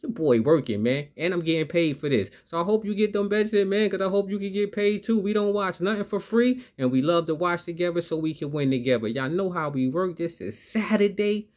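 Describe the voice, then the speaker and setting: Hyped man pitching bets to viewers. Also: a little fast, hardly any pauses, a little mellow. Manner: upbeat, hypes viewers, talks straight to the audience. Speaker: sports betting channel host. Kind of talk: hyped betting picks vlog.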